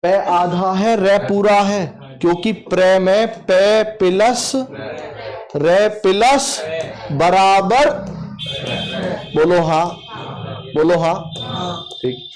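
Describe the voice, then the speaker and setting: A man teaching an exam-prep language class, drilling students by repeating questions and answers aloud. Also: high-pitched. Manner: slow, emphatic explanation. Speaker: Hindi teacher.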